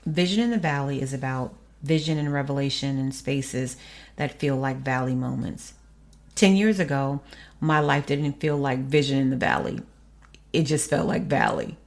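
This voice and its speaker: Low gravelly woman, earnest faith podcaster. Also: darkish tone. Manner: earnest, measured, preacherly. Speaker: podcast host. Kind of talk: reflective faith podcast monologue.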